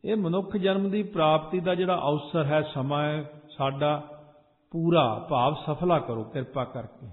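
A man preaching, singing scripture lines slowly and then explaining them in quicker speech. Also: a little high. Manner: alternates slow chanted verses with quick explanation. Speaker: Sikh preacher. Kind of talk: sung scripture with spoken commentary. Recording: tinny phone-like sound with long hall reverb.

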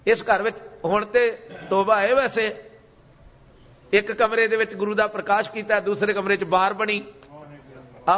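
High-voiced Punjabi preacher in an echoing hall. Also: male voice, muffled recording. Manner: preaching, calls on the congregation to repeat lines. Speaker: Sikh preacher giving katha. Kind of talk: sermon with sung scripture.

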